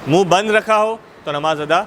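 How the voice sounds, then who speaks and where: High-voiced Pakistani Urdu religious teacher. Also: male voice, heavy background noise. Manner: repetitive, checks students' understanding. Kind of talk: Islamic jurisprudence class. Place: mosque.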